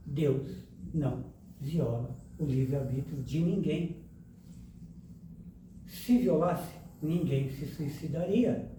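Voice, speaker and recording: A man's voice: sits high, far from the mic. Man lecturing in an echoey hall. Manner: lively, questions the audience and jokes. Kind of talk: spiritual lecture with audience questions. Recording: echoey room, speaker away from the mic, noise behind.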